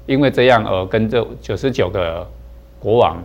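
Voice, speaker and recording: A man giving a Buddhist dharma lecture, soft-spoken and dotted with drawn-out filler particles as he tells a parable. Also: lowish voice, highs cut off. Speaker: Buddhist teacher.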